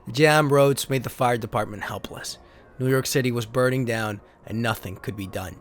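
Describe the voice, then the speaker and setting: With a mid-range voice at normal speed, a man narrates and hosts dramatic readings of pulp sci-fi tales, performed in a solemn, theatrical style. Sound effects and ambient sound fill the background.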